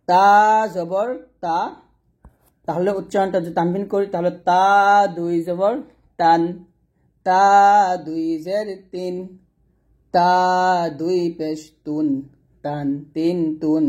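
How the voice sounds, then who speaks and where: A man teaching Quran reading, drilling letter sounds slowly and patiently and repeating each syllable. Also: high voice, flat delivery, warm tone. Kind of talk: pronunciation lesson.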